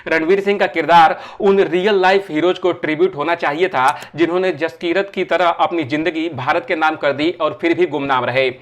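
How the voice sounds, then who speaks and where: For a film-review video essay, a man reads scripted narration in a fairly high-pitched, steady voice at normal speed with hardly any pauses. He lays out points in an orderly way, using rhetorical questions to push the argument forward, and the sound is lo-fi.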